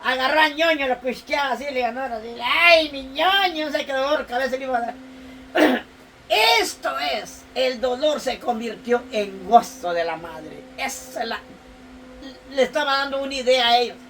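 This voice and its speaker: A woman's voice: high-pitched, moderate pace, fairly bright tone. A woman preaching an emotional sermon, reading scripture aloud with tearful sighs and fervent exclamations. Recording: distant mic with faint room noise.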